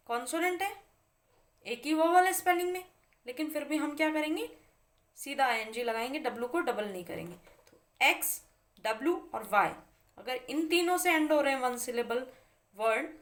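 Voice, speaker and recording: A woman's voice: high-pitched, a bit bright. A woman teaching English spelling rules in Hindi, stressing example words and asking and answering her own questions.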